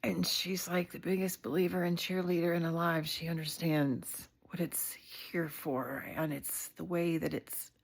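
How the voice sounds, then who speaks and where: Low-voiced woman talking candidly on a live stream. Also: little pitch movement, unhurried, creaky, hardly any pauses. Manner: heartfelt, candid, sprinkled with swearing and fillers. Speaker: community leader hosting a live video. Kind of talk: casual livestream talk.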